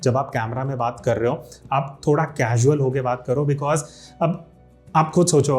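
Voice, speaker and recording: A man's voice: medium pitch, a little mellow. A man in his thirties, a YouTube creator, giving casual spoken tips to camera and stressing key words as he explains, mixing English words into Hindi. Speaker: YouTube creator teaching video skills. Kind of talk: casual instructional talk to camera. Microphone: studio microphone.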